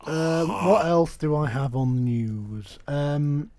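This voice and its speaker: A man's voice: a little high, takes it slowly, warm tone, no echo. A man co-hosting a casual film news podcast, rambling and self-deprecating, laughing often. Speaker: podcast co-host.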